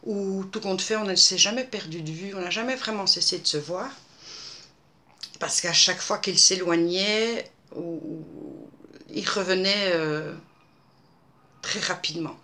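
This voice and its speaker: Bright-voiced woman in her fifties. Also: on the low side, a little slow. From Belgium. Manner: hesitant, many fillers and restarts. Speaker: scrapbooking vlogger answering viewer questions. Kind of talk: casual Q&A monologue.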